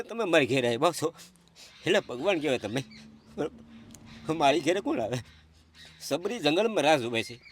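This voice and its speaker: A man's voice: sits high, a little hiss or hum. A middle-aged man, crying and pleading, telling of his hardship and calling the interviewer sir again and again. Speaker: interviewee, father in need. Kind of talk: emotional conversation.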